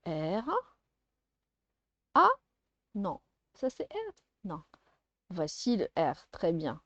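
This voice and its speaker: A woman teaching a young child to hear a letter sound, going very slowly and breaking words into syllables. Her pitch swings a lot as she stresses each sound. The recording is dry and close. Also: sing-song, fairly bright tone, no echo, muffled recording. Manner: slow, patient, sounds out syllables. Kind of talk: first-grade phonics lesson.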